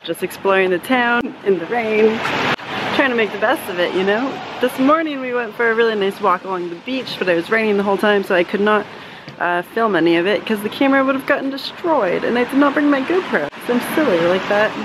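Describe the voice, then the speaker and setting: A woman's voice: mid-range voice, brisk, background noise. A woman in her thirties talking to a handheld camera at arm's length in a casual travel vlog, chatty and laughing often. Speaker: vlogger.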